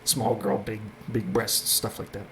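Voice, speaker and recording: A man's voice: fairly low pitch, fairly even intonation, measured pace, creaky, a bit bright, a little hiss or hum. Rambling young man hosting a casual chat. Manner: rambling, hesitant with many fillers and restarts. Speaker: host.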